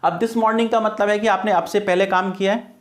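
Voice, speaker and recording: A man with a high, steady voice teaches an English grammar and vocabulary lesson for exam prep at a moderate pace. He drills key words by repeating them as questions to students and answering them himself, explaining patiently.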